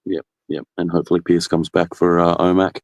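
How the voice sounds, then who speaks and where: A man, a guest caller, giving casual and understated opinions in a measured way. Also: low voice, level tone, gravelly, a little mellow, no echo. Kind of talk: casual chat.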